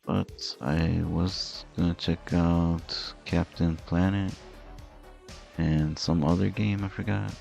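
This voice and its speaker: A man's voice: sits low, little pitch movement, takes it slowly, gravelly, darkish tone, soft background music. A man streamer chatting casually and rambling while he draws and plays games, chuckling often. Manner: rambling and easygoing, with frequent chuckles.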